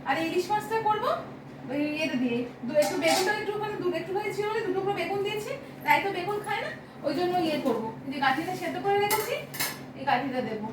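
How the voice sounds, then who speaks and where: Vlogger wife, West Bengal accent, very high and quick, roomy distant kitchen sound. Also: female voice, animated, noisy background. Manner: rapid complaining talk with many fillers. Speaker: vlogger and homemaker. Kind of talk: casual domestic argument. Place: home kitchen.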